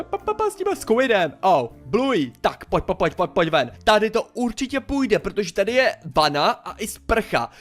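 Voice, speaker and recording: Excitable young male gaming YouTuber, high voice, chatty play-by-play over faint music. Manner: excitable, chatty, exclaims and swears mildly. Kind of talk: casual game commentary.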